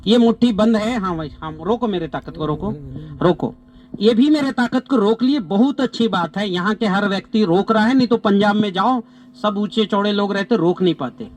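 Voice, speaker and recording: A man leading a natural farming training outdoors on farmland, animated and repeating short commands to participants. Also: high-pitched, normal speed. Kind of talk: live outdoor demonstration with participants. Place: outdoors on farmland under trees.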